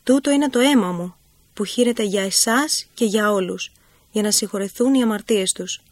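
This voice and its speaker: A woman reading the words of Christ as a gentle, grave man, in slow, solemn, measured speech. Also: medium pitch, dry recording, lightly acted.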